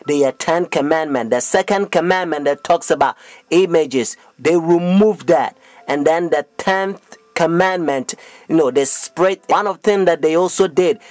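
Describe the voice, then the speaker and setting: A man's voice: fairly high pitch, dry recording. A man preaching a sermon, calling listeners "friends" and reading Bible verses aloud, with non-native grammar.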